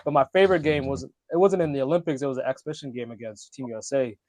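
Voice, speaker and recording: A man's voice: medium pitch, fast talker, darkish tone. A man leading a casual podcast conversation, animatedly telling a story and asking the panel questions. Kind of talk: casual chat.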